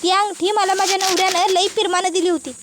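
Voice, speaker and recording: Brief: woman voicing an accusing, confrontational village wife, high-pitched. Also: fairly even intonation, fast talker, background noise.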